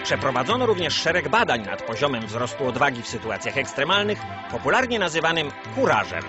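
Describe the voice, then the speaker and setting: A man's voice: medium pitch, big pitch swings, a little fast. A man narrating in the manner of an old communist-era newsreel, grandiose, solemn and rousing in a scripted mock-propaganda style. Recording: dull lo-fi sound under loud music.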